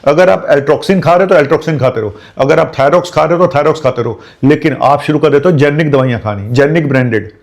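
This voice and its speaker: A man's voice: on the high side, fairly quick, hardly any pauses. A middle-aged man, a doctor, giving emphatic, direct health advice in a video. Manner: emphatic, pleading and direct with viewers.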